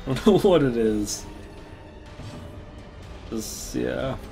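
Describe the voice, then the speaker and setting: A man's voice: medium pitch, very slow, vocal fry, warm tone, soft background music. A man casually commenting while playing a game, rambling, laughing often and swearing now and then. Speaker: gaming streamer. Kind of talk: casual let's-play commentary.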